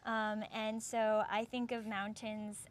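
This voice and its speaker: Speaking slowly and with a flat delivery, this young woman from the United States talks in a mid-range voice, casually explaining something while leaning heavily on "like" and "sort of." Ambient sound sits clearly in the background.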